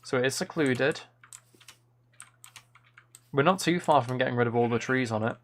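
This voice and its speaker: During a gameplay livestream, a man with a mid-range voice talks casually at a normal speed, thinking aloud and rambling enthusiastically from idea to idea. Keyboard clicks come through clearly as background noise.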